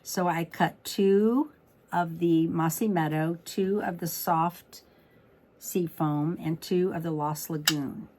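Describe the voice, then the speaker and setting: A woman demonstrates card-making in a chatty, informal way, thinking aloud while she works. Her slightly froggy voice is fairly low and a little mellow, with a steady tone, and she takes things slowly.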